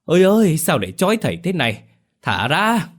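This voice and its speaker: A man's voice: big pitch swings, normal speed. A man voicing a frantic, easily offended village exorcist who squeals shrilly. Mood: wailing. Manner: shrill squealing when beaten.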